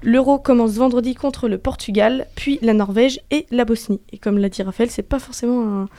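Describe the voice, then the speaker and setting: Mellow-voiced woman reporting sport. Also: a little high, moderate pace, no room sound. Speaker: radio sports columnist. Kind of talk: semi-scripted sports report with casual exchanges. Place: radio studio.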